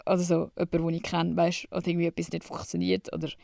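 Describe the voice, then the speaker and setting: A woman's voice: lowish voice, monotone, fast talker, gravelly, warm tone, no room sound, clean studio sound. A young woman from Switzerland with a Swiss German accent, hosting a casual solo podcast, chatty and blunt, swearing freely and dropping English slang. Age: young adult. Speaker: podcast host.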